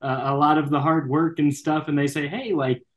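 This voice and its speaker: A man's voice: a little high, steady tone, normal speed. A young adult man, a baseball broadcaster, chatting as a podcast guest with lots of fillers and restarts. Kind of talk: casual interview chat.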